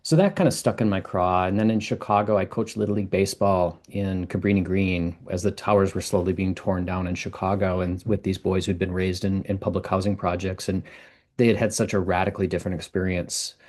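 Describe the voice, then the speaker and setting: A Minnesota professor in his fifties, guesting on an interview, explains things through fluent, conversational storytelling. His Midwestern voice sits low and steady, fairly quick and a little mellow.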